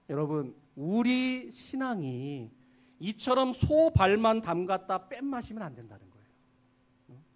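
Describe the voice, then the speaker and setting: A man from Gangwon Province preaching a Sunday sermon in a church, acting out folksy quotes. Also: sits high. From Gangwon Province, Korea. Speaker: pastor. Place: church sanctuary.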